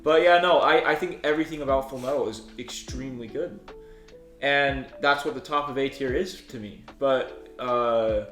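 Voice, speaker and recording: A young man talks through his rankings in a loose, rambling way, circling back and restarting his sentences. His voice sits at an ordinary middle pitch. The room is roomy and echoey, and soft music plays underneath. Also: normal speed. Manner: rambling, many restarts and fillers. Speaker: co-host ranking shows. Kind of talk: casual group chat. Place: living room couch with friends.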